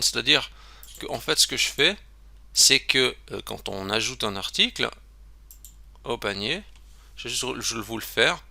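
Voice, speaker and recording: A man's voice: mid-range voice, creaky, bright, forceful tone, dry recording. A man giving a casual screen-recorded web tutorial, chatty and self-interrupting, with lots of fillers.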